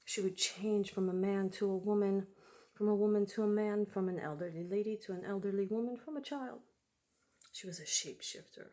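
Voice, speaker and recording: A woman telling a spooky Halloween story to her viewers, often dropping into a hushed, dramatic whisper. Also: mid-range voice, fairly quick. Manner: speaks warmly to the viewers as friends.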